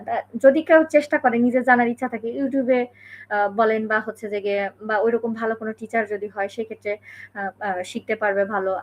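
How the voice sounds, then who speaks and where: A woman from Bangladesh giving a casual spoken lesson, talking in a conversational way and often checking in with the listener. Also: fairly high pitch. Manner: conversational, many fillers and check-ins. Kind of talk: casual explanatory talk.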